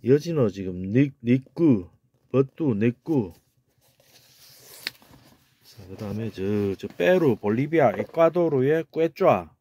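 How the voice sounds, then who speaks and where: A man's voice: medium pitch, expressive, slow, long pauses, warm tone. A man giving a casual video lecture on word origins, talking emphatically, repeating words and asking rhetorical questions. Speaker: amateur language lecturer.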